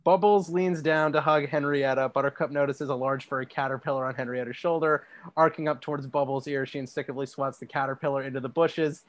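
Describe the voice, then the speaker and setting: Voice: medium pitch, fairly even intonation, quick pace, no room sound. Dry-sounding co-host reading stage directions. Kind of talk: reading a script aloud.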